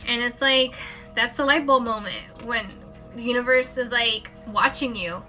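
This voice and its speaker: A tarot reader, an adult mother with children, does a rambling spiritual card reading live, full of fillers and self-corrections. Her voice is on the high side, unhurried yet pushed and bright, with faint music in the background.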